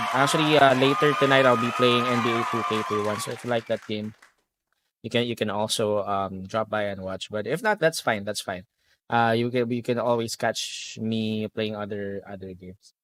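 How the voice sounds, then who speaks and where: On a very noisy recording, a young game streamer with a Filipino accent and a medium-pitched voice chats casually on a live stream. He reads viewer comments aloud and mixes Tagalog into his talk.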